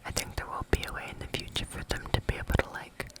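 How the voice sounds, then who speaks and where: An ASMR vlogger chatting in a soft unvoiced whisper, rambling with many fillers and eating between remarks. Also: fast. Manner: chewing and eating sounds between talk.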